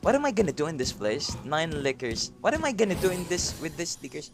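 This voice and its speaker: A man's voice: a little high, sing-song, fairly quick, music in the background. A man with a Filipino accent doing livestream gameplay commentary, greeting chat viewers by name and mixing Tagalog and English. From Philippines. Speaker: streamer.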